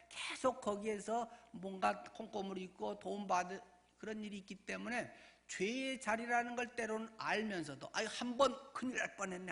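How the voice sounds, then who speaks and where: Animated pastor preaching, raised voice. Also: male voice, high voice, vocal fry. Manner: animated storytelling, acts out voices. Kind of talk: sermon.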